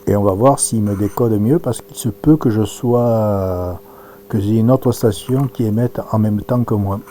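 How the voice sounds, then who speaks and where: A man with a dark, low voice demonstrates amateur radio software in an informal live session. His think-aloud commentary is halting, and a slight hum sits in the background.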